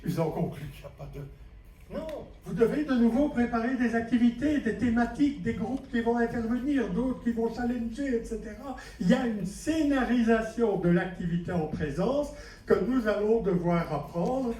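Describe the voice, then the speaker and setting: A man's voice: extremely high pitch, lively intonation, moderate pace, dark tone. A man from Belgium giving a conference lecture to teachers, chatty and self-mocking, often asking the audience questions. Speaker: conference speaker. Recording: echoey hall, distant mic, faint noise.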